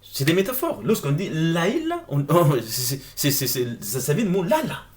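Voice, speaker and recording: A man's voice: fairly high pitch, very animated, moderate pace. A man giving an informal explanatory video talk, addressing viewers directly with questions and often repeating words as he searches for them. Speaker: presenter of an online video lecture. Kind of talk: informal explanatory talk over on-screen text.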